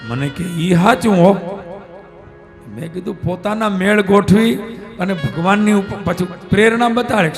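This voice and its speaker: High-voiced katha storyteller, echoing hall. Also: male voice. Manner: lively, acts out characters' lines with dramatic shifts from loud to hushed. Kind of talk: devotional katha storytelling sermon. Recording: hall reverb with devotional music behind.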